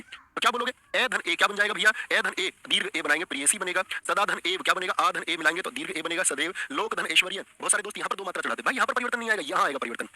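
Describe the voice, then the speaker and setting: A man's voice: high voice, sharp tone, no room sound. A man teaching an online exam-prep lesson, coaxing the class and repeating his questions.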